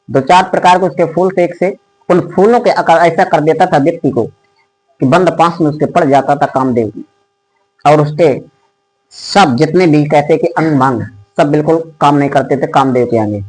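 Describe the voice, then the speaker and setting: High-voiced man teaching Hindi poetry. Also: expressive, breathy edge, rough recording. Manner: explains line by line, asks students questions, says "ठीक" often; chants the poem lines slowly and loudly in a sing-song. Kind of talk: exam-prep poetry lesson.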